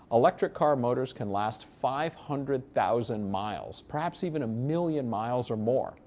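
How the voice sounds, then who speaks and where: A man's voice: mid-range voice, a little mellow. An American man delivering a scripted, persuasive sales narration as a presenter, explaining things in an emphatic, assured way. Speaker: presenter of an investment promotion.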